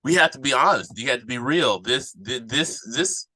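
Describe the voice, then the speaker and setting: A man's voice: medium pitch, animated, moderate pace, pushed and bright, poor audio. A man giving off-the-cuff political commentary as a podcast host, indignant and emphatic, often repeating phrases for emphasis.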